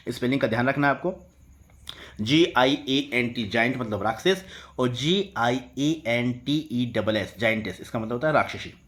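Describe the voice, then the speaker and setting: A man teaching English vocabulary. He spells words out slowly letter by letter and keeps checking in with "ठीक है". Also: medium pitch, fairly bright tone.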